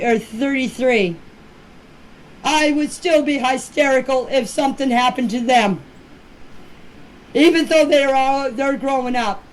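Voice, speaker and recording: Poor audio and slight background noise mark this phone voice message from a high-pitched woman in her fifties. Speaking as a community member about a case, she's informal, earnest, and emphatic, repeating herself for stress.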